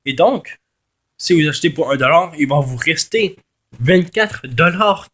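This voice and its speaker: A high-pitched man with a Québécois accent slowly walks viewers through a casual game tutorial as a gaming video host. A head cold leaves him congested and nasal, and he speaks haltingly, often repeating and correcting himself. His delivery is animated, a bit bright and breathy.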